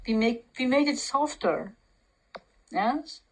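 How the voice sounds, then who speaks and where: A woman with a Turkish accent, a Turkish native speaker, reading aloud from a text and commenting on it with pauses, fillers and restarts. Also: fairly high pitch, animated, low-quality recording. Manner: reads aloud slowly, pausing, many fillers and restarts. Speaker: language commentator.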